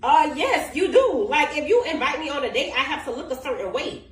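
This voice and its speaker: A woman's voice: high-pitched, expressive, a little fast. A woman on a casual call, talking in a sassy, mocking way and laughing between lines. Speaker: date caller. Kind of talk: casual phone conversation. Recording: echoey from a distance.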